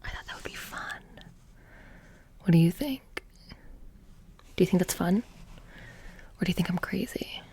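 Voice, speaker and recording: This is a soft-spoken woman with a lowish voice, whispering close to the mic as a witch shopkeeper in ASMR roleplay. She sounds deadpan and casually menacing, with a halting delivery.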